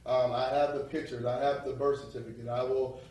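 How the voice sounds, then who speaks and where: A man's voice: mid-range voice, little pitch movement, a little fast, a crowd in the background. Motivational male interview guest, New York accent, emphatic and preacherly, recorded off-mic with heavy room echo. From New Orleans. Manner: preacherly, emphatic, often checks listeners follow with "right?". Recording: very echoey room, distant microphone.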